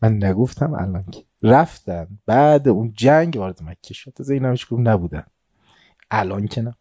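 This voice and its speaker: A man with a fairly low, dark, mellow voice lectures on faith to a seated audience. He retells stories with quoted dialogue and recited Arabic. He drops to quiet asides and then rises into emphatic points. The sound is close and dry. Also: animated, husky, no echo. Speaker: religious lecturer. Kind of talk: religious lecture with storytelling. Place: room before a seated audience.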